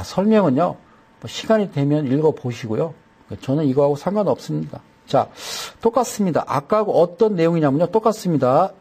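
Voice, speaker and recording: Husky, lively man teaching chart settings. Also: on the high side. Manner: chatty, repeats steps, folksy jokes. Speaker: stock chart instructor. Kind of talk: broadcast trading lesson.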